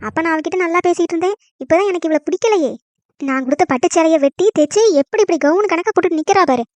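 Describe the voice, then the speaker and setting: A woman's voice: very high-pitched, darkish tone, no room sound. A woman voicing a short-tempered mother-in-law in a cartoon comedy, scolding and indignant. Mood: angry scolding. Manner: scolding, indignant, fast-talking when angry.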